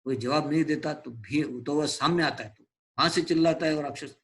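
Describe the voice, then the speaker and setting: A man's voice: a little high, fairly quick, a bit bright, slight background noise. A male teacher retelling and explaining a play's stage directions, glossing hard words in English. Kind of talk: explaining a play to a class.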